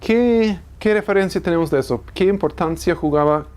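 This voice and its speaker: A man's voice: high voice, moderate pace, a little mellow. A man teaching a classroom Bible lesson, thinking aloud, correcting himself and asking the class questions.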